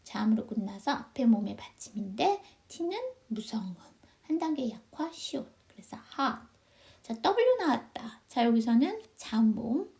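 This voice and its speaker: A woman teaching phonics over a video call, her voice a little high and gravelly. She talks with a mellow, darker tone, patiently posing questions and answering them herself. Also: very animated, a little slow. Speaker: English teacher. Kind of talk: online phonics lesson.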